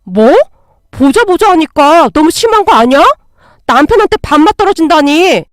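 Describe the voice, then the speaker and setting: A woman's voice: high-pitched, big pitch swings, normal speed, no room sound, studio quality. A woman doing a bickering young husband. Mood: angry. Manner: bickering, snapping, then pleading. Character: quarrelsome young husband, petulant and defensive.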